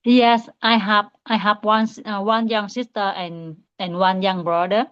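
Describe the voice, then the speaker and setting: A woman's voice: mid-range voice, fairly even intonation, clear, resonant tone. Hesitant woman, muffled. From Vietnam. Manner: hesitant, halting, restarts often. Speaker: student. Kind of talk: English speaking practice.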